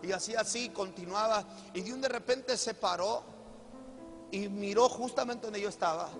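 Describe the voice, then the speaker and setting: A man's voice: high voice, normal speed. A middle-aged Mexican man preaching a testimony, telling his story and often repeating phrases as he speaks straight to the congregation. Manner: storytelling, repeats phrases, addresses audience directly. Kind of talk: sermon testimony. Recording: echoey hall with music behind.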